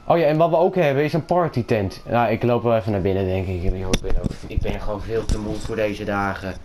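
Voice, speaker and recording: A man's voice: lowish voice, fast, darkish tone, slight background noise. Bossy Dutch man in game role-play. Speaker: role-play player voicing Kwik.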